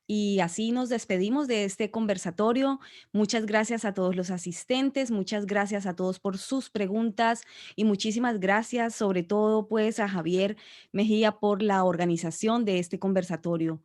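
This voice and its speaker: Woman moderator closing out an online chat, polite, mid-pitched voice. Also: normal speed, a little mellow. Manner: polite, gracious. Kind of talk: formal closing remarks.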